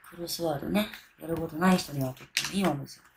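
Drunk, rambling woman with a low pitch. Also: rapid-fire, gravelly, slight background noise. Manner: rambling, often losing her train of thought. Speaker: vlogger. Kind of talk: casual solo chat to camera. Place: small bedroom or hotel room, indoors.

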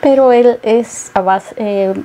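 A middle-aged woman from Peru talks slowly about her painting as an interview guest. Her voice is mellow and warm, and she pauses often with thoughtful fillers. She sounds close on a lapel mic in a studio set. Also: on the high side. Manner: thoughtful, many hesitations. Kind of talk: interview conversation.

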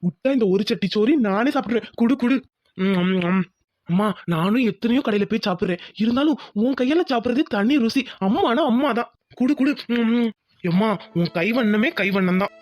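A woman voicing a young village man in a cartoon, a hungry, doting son and caring husband who talks fast, pleading and teasing. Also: on the high side, a little mellow, no room sound, studio quality, natural voice. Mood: pleading, greedy. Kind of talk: Tamil cartoon voice acting.

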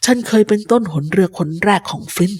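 Woman reading as a husky, ailing old pirate captain. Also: darkish tone, close to an everyday voice. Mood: secretive. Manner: slow, low, strained speech. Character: sick old male pirate captain, drink-hungry and fearful. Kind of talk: storybook reading.

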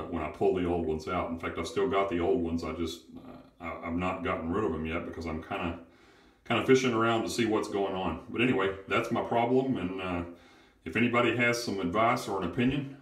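Low-voiced man in an echoey bathroom. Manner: unhurried, hesitant, thinking aloud. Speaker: homeowner asking for repair advice. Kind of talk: casual how-to video narration. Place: small tiled bathroom, indoors. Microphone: handheld phone camera. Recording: echoey bathroom with running water. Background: running water from tub faucet and shower.

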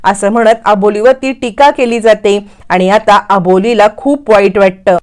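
A woman's voice: mid-range voice, steady tone, normal speed, a little mellow. A woman retelling a TV serial episode, acting out the characters' lines as she goes. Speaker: narrator.

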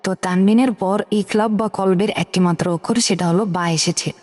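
A woman teaching Quran reading, slowly spelling out letters and vowel marks and asking questions that she answers herself. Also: mid-range voice, darkish tone, long reverb tail. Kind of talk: step-by-step spelling lesson.

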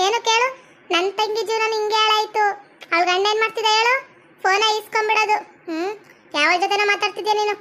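A woman playing a bossy, sharp-tongued middle-aged village aunt in a comedy skit, speaking with a North Karnataka Kannada accent. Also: extremely high pitch. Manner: scolding, sharp-tongued, theatrical.

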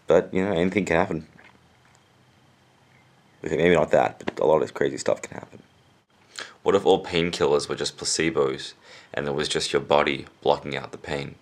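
A young man with an extremely low voice full of creaky fry. His jaw is swollen and sore after dental surgery. He rambles casually in a dry, deadpan way, as in a home vlog. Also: moderate pace, long pauses. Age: young adult. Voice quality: gravelly, creaky voice. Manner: deadpan, dryly joking. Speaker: vlogger. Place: indoors at home. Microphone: handheld camera at arm's length.

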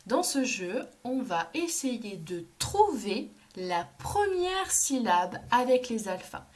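A woman teacher, leading a phonics lesson for young children, slow and clearly articulated and encouraging. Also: a little high, big pitch swings, darkish tone. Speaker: kindergarten teacher.

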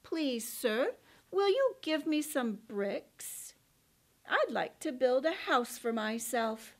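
A woman voicing a sensible little pig who speaks calmly and deliberately. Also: high voice, heavily acted.

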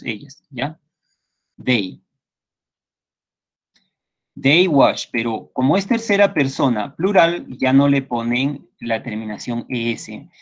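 A man teaching English in an online class, with a Peruvian Spanish accent, patiently repeating points and checking that students follow. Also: medium pitch. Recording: slightly dull lo-fi sound.

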